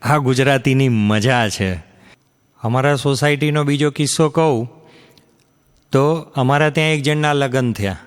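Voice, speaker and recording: A man's voice: unhurried, pauses often, smooth. A man doing stand-up storytelling, acting out the people in his jokes with shifts of voice. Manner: acts out quoted characters with shifts in pitch. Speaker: stand-up comedian. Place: live comedy stage before an audience. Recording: hall reverb from a live stage.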